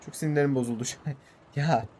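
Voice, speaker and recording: Excitable Turkish man narrating gameplay. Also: medium pitch, quick pace, a little hiss or hum. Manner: excitable, swears, talks to his tractor. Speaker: gaming channel host. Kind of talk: casual game commentary.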